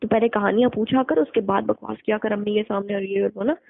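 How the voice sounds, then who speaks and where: A fast-talking young woman with a creaky, mid-range voice and a steady tone chats bluntly on a narrow, dry phone line. Colloquial and casual, she recounts gossip from school and quotes people as she tells it.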